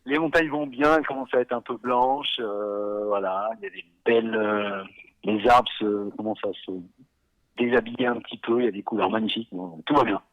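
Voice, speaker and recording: A man in his forties from Savoie, talking casually as a podcast guest, relaxed and hesitant, with many fillers and little chuckles. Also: fairly low pitch, brisk, phone-quality sound. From Savoie, France. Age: 40s. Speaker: guest, beer company founder.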